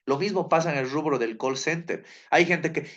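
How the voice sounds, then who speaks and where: A man's voice: a little high, normal speed, fairly bright tone, muffled recording. A man giving a classroom lecture, telling a story and acting out the people in it, repeating his key points. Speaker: teacher.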